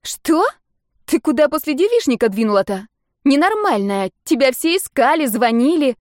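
A woman's voice: a little high, big pitch swings, normal speed, darkish tone, dry recording, clean studio sound. A woman voicing an indignant young female friend who scolds and exclaims in shock.

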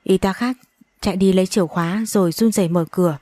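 Here a woman with a warm, mid-range voice narrates a dramatic tale at a quick clip, performing each character's lines with intense feeling. It's audiobook-style storybook reading, captured dry.

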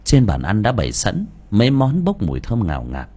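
A male storyteller reading an audiobook with a husky voice. His pitch moves in wide, lively swings, and he reads in an expressive, dramatic manner. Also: a little fast.

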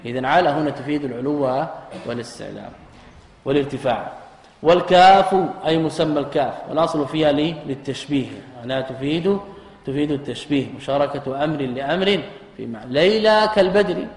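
A man, a sheikh, teaching Arabic grammar in a recorded lesson, asking rhetorical questions and repeating key terms. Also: a little high. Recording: echoey hall reverb.

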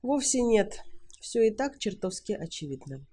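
A woman's voice: medium pitch, sing-song, normal speed, dark tone, breathy edge, pitched above the performer's own voice. A woman voicing an awkward, prim man who answers stiffly and grows indignant and defensive, in an audiobook reading. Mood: dry.

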